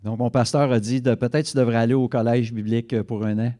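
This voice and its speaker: A man's voice: mid-range voice, steady tone, quick pace, warm tone. A man interpreting a guest speaker's talk into French for a church congregation, fluent with occasional self-corrections. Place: church service.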